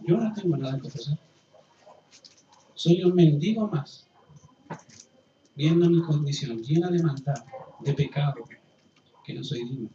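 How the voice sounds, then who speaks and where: A man preaching a sermon as pastor, impassioned, swinging from loud pleading to hushed, quiet passages. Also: sits high, a little hiss or hum. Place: church hall. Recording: roomy, distant, dull church recording with faint ambience.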